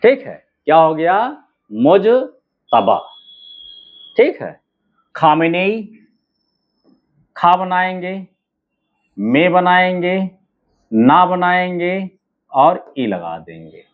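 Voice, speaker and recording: Slow-talking male shorthand teacher, tinny sound. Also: high-pitched, big pitch swings. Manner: slow, drawn-out words, frequent "ठीक है" and "है ना" checks. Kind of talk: shorthand lesson, spelling out word outlines. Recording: narrow phone-like sound.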